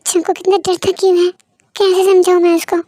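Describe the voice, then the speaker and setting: A woman's voice: very high-pitched, little pitch movement, brisk, mellow. A woman voicing an anxious, tearful pregnant young wife who pleads with her husband. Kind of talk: fan story voice acting.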